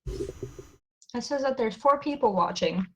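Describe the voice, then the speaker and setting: A woman's voice: a little high, expressive, takes it slowly, a bit bright, rough recording. A woman with a stuffy, runny nose chatting casually with a friend, giggling often. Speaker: friend keeping the streamer company. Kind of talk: casual chat.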